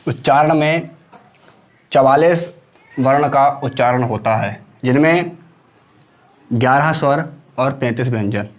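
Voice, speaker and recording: A man's voice: medium pitch, slow, long pauses. A man teaching an exam-prep grammar lesson. He explains step by step and repeats each syllable aloud for students to copy.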